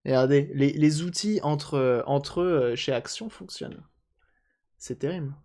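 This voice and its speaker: A man's voice: on the high side, unhurried, darkish tone. A man chatting casually on a live stream while repairing a handheld console, joking and answering chat aloud.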